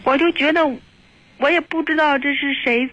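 A woman calling an advice show, talking in a halting, upset way with many restarts. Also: sits high, fairly even intonation, fairly bright tone. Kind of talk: emotional phone call. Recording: dull lo-fi phone line.

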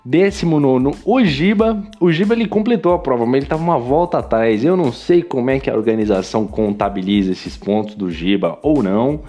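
Brazilian male podcast host, casual ribbing race recap, mellow voice, faint music behind. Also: mid-range voice, lively intonation, fairly quick, few pauses. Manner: teasing, chatty, addresses drivers directly. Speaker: podcast host recapping a sim racing league.

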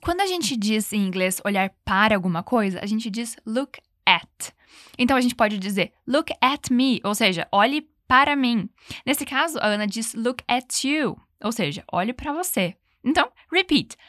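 Lady teacher doing english repeat-after-me drills, kinda high voice, super dry close mic. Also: lively intonation, a bit bright, no room sound. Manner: clear, encouraging, slows down to model pronunciation. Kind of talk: bilingual language lesson, repeat-after-me drills.

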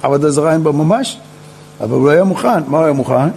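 Rabbi, male; high, gravelly voice; lively storyteller who acts out quotes with joking asides. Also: a little hiss or hum. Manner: animated, dramatizes quotes with humorous asides. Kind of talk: Torah lesson, storytelling.

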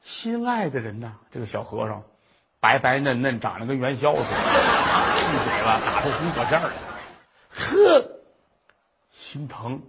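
A man telling a traditional Chinese story in a dramatic, animated way. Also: medium pitch, a little slow, creaky, pauses often, some chatter behind, slight background noise. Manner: animated, dramatic, many voices.

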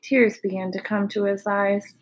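A woman's voice: mid-range voice, level tone, normal speed, a little hiss or hum, rough recording. Woman reading a storybook aloud. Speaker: reader.

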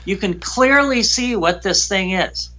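Emotional man retelling a story, bright voice. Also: high voice, lively intonation, muffled recording. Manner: emotional, halting retelling with repeated phrases. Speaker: guest. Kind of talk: recounting a personal story.

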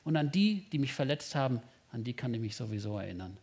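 A man preaching a lively sermon, putting direct questions to his listeners and acting out short quoted exchanges. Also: mid-range voice, quick pace, breathy edge. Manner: frequent tag questions, acts out little quoted exchanges. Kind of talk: lively sermon to young people.

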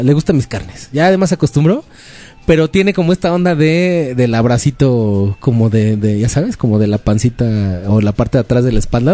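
A man's voice: mid-range voice, dark tone. A man in his thirties with a Mexican Spanish accent, hosting a podcast in casual, joking chat full of slang. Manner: joking, chatty slang-filled banter. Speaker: podcast host.

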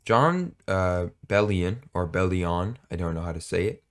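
A man's voice: low-pitched, big pitch swings, normal speed. A man co-hosting a casual music podcast, talking in a rambling, hesitant, jokey way with many fillers. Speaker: podcast co-host. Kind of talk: casual chat.

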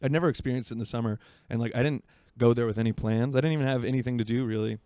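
A man's voice: mid-range voice, fairly even intonation, rapid-fire, mellow, dry recording, clean studio sound. A man in his twenties from Florida, hosting a solo podcast in rambling, self-mocking casual chat from his home by a marina. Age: 20s. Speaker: podcast host.

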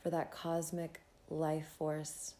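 A woman hosting a spiritual podcast, speaking gently in measured, deliberate phrases. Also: sits low, monotone. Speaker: podcast host.

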